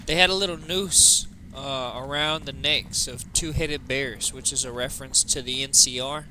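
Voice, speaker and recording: A man's voice: mid-range voice, fairly even intonation, moderate pace, pushed and bright, a little hiss or hum. A tired man casually commenting on his game as he plays, thinking aloud and reading out menu options. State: tired, yawning. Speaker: gaming livestreamer. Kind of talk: casual let's-play commentary. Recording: game music playing behind the voice.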